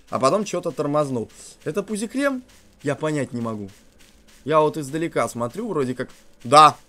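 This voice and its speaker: A man giving crude, joking let's play commentary on a horror game, swinging from muttered asides to shouting at the character. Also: high-pitched. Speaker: game streamer.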